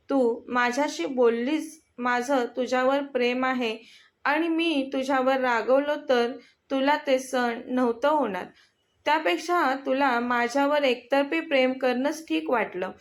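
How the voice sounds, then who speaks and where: A woman's voice: sits high, measured pace. A woman voicing a young male company boss who earnestly pleads with the woman he loves. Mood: tender.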